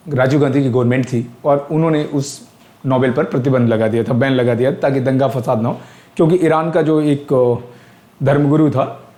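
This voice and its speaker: A man's voice: medium pitch, darkish tone. Hindi-speaking male teacher in an echoey room. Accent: Indian English. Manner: explains step by step, asks questions aloud, mixes in English terms. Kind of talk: exam-prep lecture.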